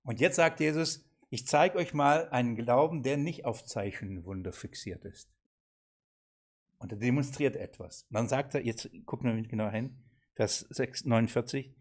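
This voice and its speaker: A man's voice: medium pitch, normal speed. A man teaching a Bible seminar, asking the group questions and acting out the quoted lines. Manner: lively, questioning the audience, acts out quoted lines.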